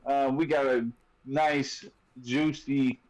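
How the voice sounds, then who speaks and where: A man's voice: mid-range voice, steady tone, takes it slowly, a little mellow, poor audio. A man hosting a sports podcast in loose, joking casual chat, full of fillers and restarts. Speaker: podcast host.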